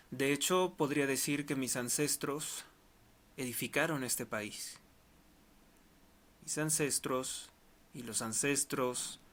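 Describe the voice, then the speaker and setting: A man's voice: medium pitch, a bit bright. Guy ranting on his channel, mid voice, hammers the same point over and over in short bits. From Mexico. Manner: emphatic, insistent, repeats points in short clauses. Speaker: political commentator. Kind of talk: monologue to camera.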